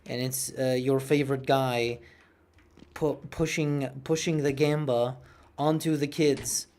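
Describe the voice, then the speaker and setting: A man's voice: medium pitch, steady tone, takes it slowly, a little mellow. A man in his twenties chatting casually while streaming a game, rambling and self-mocking, with a cartoonish voice. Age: 20s. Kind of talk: casual gameplay chat.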